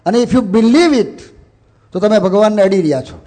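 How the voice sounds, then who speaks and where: High-voiced man leading a sermon. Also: expressive, normal speed, a little hiss or hum. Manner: instructive, mixes English phrases into speech; directs children gently, with light laughs. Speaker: religious speaker leading an assembly. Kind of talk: sermon with guided ritual. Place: stage before an audience.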